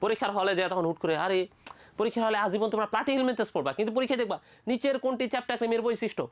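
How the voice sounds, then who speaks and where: A teacher from Bangladesh giving a lively medical admission biology lecture, repeating each question, answering it, and checking in with the students again and again. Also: mid-range voice, rapid-fire. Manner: colloquial, playful asides.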